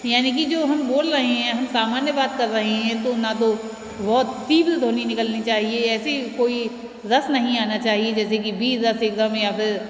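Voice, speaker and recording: A woman teacher giving a classroom lecture, slowly explaining and stressing example words. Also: fairly high pitch, fairly even intonation, slight background noise. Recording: echoey room with long reverb.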